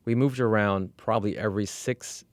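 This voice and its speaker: A middle-aged man from Iran, working as an executive coach, telling his life story as a guest in a candid, measured way, with fillers and restarts. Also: on the low side, steady tone, dry recording. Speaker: interview guest.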